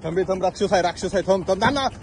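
A man angler on a fishing boat outdoors, giving excited casual commentary and rapidly repeating words. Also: high voice, a crowd in the background. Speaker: angler filming a catch.

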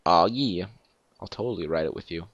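A teenage boy hosting a casual game let's play, rambling and excitable with lots of fillers and restarts. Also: low-pitched, brisk, no room sound. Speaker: gaming channel host. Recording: dull lo-fi dry mic.

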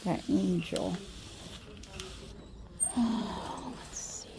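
Medium pitch, very slow delivery and a noisy background mark this clip. The speaker is a Midwestern American woman doing a chatty shop-with-me vlog in a large indoor store, often whispering, filmed with a handheld phone camera.

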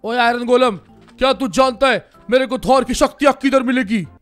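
A young man with an Indian accent and a sore throat, giving loud, excitable Minecraft commentary and yelling at game characters. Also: extremely high pitch, normal speed. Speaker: gaming YouTuber. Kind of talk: Minecraft let's play commentary. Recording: faint music behind the voice.

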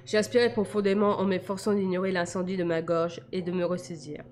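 Low-voiced woman reading a novel. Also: flat delivery, brisk, a little mellow. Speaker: audiobook reader.

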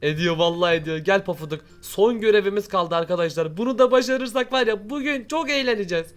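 A man's voice: high-pitched, fast. A man hosting Minecraft role-play commentary in an exclamatory way, urgently repeating his phrases. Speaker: host of a gaming channel.

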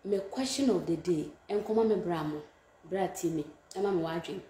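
A woman's voice: lowish voice, moderate pace, warm tone. A young Ghanaian woman speaking straight to camera, putting a question to her viewers in an echoing indoor room.

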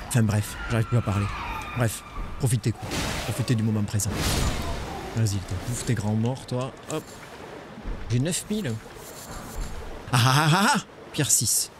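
Excitable French man streaming a game. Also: lowish voice, very noisy. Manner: excitable, swearing, joking with chat. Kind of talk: casual gaming stream commentary. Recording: music behind voice.

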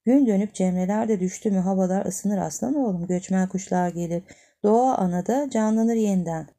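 A woman voicing a gentle, affectionate mother who patiently soothes her young son in a storybook. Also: medium pitch, a little fast, close to an everyday voice. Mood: soothing.

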